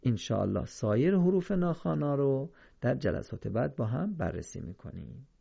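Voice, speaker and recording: Gravelly, dark-voiced male Quran teacher. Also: mid-range voice, very animated, highs cut off. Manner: careful, explanatory, slow when quoting verses. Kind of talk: instructional lesson.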